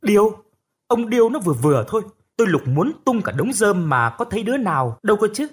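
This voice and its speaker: A man's voice: on the high side, lively intonation, moderate pace, husky, voice pushed up. A man doing an indignant protesting boy. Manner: protesting loudly. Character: indignant boy who denies it.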